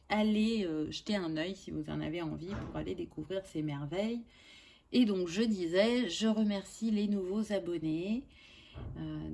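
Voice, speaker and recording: A woman speaks slowly and softly, pausing often as she gives a spiritual card reading. Her voice is mellow and slightly low. A faint noise hangs in the background. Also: vocal fry. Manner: slow, gentle, many pauses and fillers. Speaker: tarot and oracle card reader.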